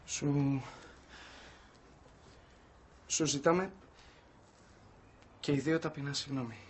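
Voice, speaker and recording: A man's voice: fairly high pitch, fairly even intonation, slight background noise, lightly acted. An actor playing a cheeky freeloading young man who pleads not to be thrown out in a sitcom. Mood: pleading. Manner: wheedling, pleading. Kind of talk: sitcom acting.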